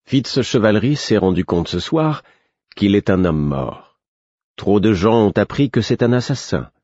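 A man voicing a calm, calculating young prince in an audiobook, reasoning in a measured way. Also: lowish voice, no echo, muffled recording. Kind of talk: audiobook character voice.

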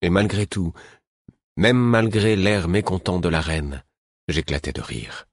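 A man narrating a novel in a measured storytelling voice. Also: low-pitched, no echo, studio quality. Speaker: audiobook narrator. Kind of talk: scripted narration.

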